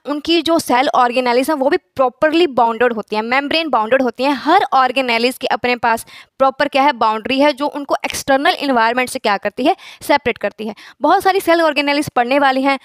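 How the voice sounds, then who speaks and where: A woman's voice: high voice, no echo, studio quality. A woman teaching a biology lesson, asking herself rhetorical questions and answering them, mixing English phrases into her speech. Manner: repeats key words. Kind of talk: classroom lecture.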